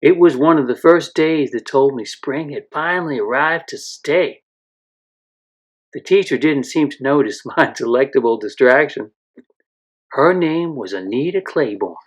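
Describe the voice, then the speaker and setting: An unhurried man with a medium-pitched voice, a voice actor and author, reads literary fiction aloud. His scripted delivery is expressive and dramatic, like an audiobook.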